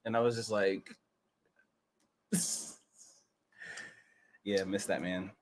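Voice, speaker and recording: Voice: deep voice, fairly even intonation, a little fast. A podcast cohost in casual chat, playful and teasing, laughing often.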